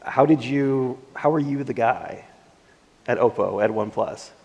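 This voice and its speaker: A man interviewing a guest on a conference stage, chatty and joking with quick follow-up questions. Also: mid-range voice, darkish tone, dull audio. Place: conference stage in a large hall. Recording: reverberant conference hall.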